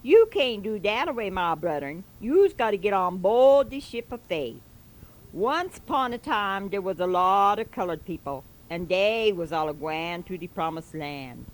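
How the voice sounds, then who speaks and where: In a low-quality recording, a woman with a natural, mid-range voice imitates a fervent old-time male preacher, drawling a parable in heavy dialect. Her delivery is animated but a little slow as she exhorts the flock and keeps circling back with repetitive asides, like a comic sermon recitation in a preaching mood.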